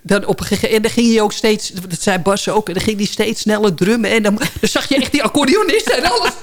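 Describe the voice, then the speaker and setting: A woman on a local radio show as a guest, telling stories in a casual, lively way, often restarting sentences and laughing along. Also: medium pitch, fast. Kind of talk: casual storytelling chat. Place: radio studio.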